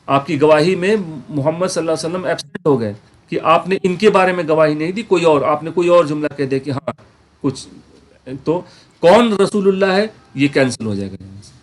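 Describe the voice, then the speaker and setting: Slightly high-voiced man teaching a class. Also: animated. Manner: explains patiently, asks students rhetorical check-in questions; repeats words slowly to demonstrate pronunciation. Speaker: Quran and Arabic grammar teacher. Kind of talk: online class lecture.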